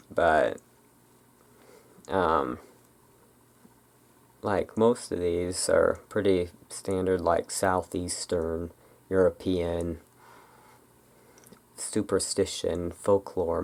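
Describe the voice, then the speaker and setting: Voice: low-pitched, darkish tone. An ASMR creator chatting casually and off the cuff, rambling and hesitant, often trailing off. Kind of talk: casual improvised ASMR chat.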